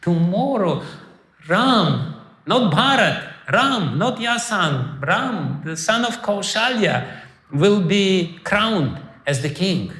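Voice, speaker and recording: A man's voice: high-pitched, sing-song, slow pace, fairly bright tone, exaggerated voice. A man voicing a spiteful, scheming old maidservant woman who scolds and insults, in an echoey hall. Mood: scolding.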